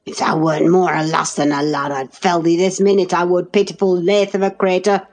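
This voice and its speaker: A surly, unlettered young farmhand with a Yorkshire accent, voiced by a woman answers in blunt growls. He sounds rough and grudging. Faint music plays behind. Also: sits low, steady tone, measured pace.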